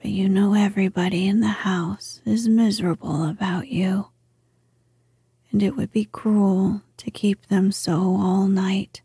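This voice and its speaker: A woman voicing a gentle, wise and very old grandmother in a slow, hushed whisper, reading a storybook. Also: medium pitch, steady tone, slightly rough, no room sound. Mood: gentle assurance. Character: ancient wise grandmother lady, gentle and calm.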